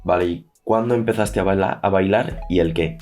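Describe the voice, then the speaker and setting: A man hosts a relaxed podcast chat, asking questions in an upbeat, encouraging way. His voice sits fairly low. Faint music plays underneath. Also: fairly quick. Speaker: podcast host. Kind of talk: casual podcast interview.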